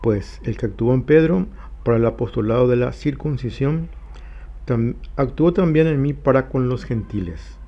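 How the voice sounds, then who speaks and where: A man leading a church Bible study, reading scripture passages aloud slowly and then explaining them. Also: medium pitch, lo-fi sound. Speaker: pastor.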